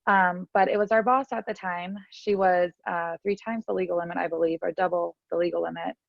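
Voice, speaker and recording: A woman in her 30s tells a personal story candidly as a podcast guest, chatty and full of fillers. Her voice is lowish and gravelly with fairly even intonation and a slightly fast pace, and the audio is dry and a bit muffled.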